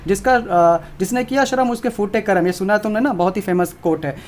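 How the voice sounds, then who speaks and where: Speaking in a high voice, a man runs through a quick, casual exam prep lesson on video. He addresses viewers head-on, stressing and repeating each point.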